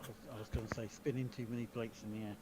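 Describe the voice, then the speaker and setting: Man, mid-pitched, hesitant, tabletop player, noisy recording. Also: little pitch movement, very fast. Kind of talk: casual tabletop game chat. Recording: clear background noise.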